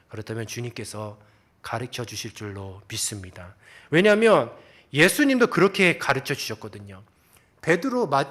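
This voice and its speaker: A man preaching from a church pulpit, his voice pitched high and moving widely up and down. He builds to loud, urgent exhortations and then falls to quiet, soft asides. Prayers and questions he quotes are acted out in the flow of the sermon. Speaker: pastor. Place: church sanctuary.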